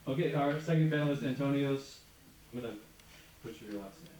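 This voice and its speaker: A man moderating a panel discussion in a relaxed, conversational way. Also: mid-range voice, brisk. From United States. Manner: relaxed, conversational, informal fillers. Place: large conference hall. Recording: echoey hall from far off with audience.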